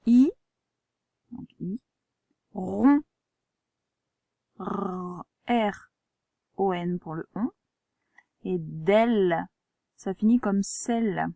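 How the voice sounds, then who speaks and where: A woman teacher giving a dictation lesson to children, spelling words letter by letter and gently pointing out traps. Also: mid-range voice, very slow, gravelly, long pauses, no room sound. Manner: gentle, reminding pupils of traps. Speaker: primary school teacher.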